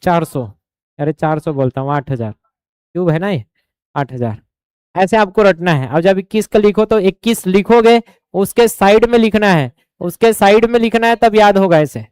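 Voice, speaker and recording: Male coaching tutor with a Chhattisgarhi accent, drills figures by repetition, clear resonant voice, dry close sound. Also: sits high, normal speed, darkish tone, no room sound. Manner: drills numbers by repetition, keeps asking if students follow. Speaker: teacher. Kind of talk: exam coaching lesson.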